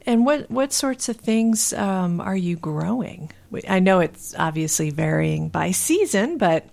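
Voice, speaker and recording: A woman's voice: lowish voice, expressive, measured pace, creaky, a little mellow. A woman interviewer asking curious, friendly questions.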